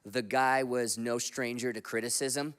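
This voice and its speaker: Man, pastor, sermon, lively storyteller, smooth clear voice. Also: medium pitch, measured pace. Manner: animated storyteller, rises to excited bursts.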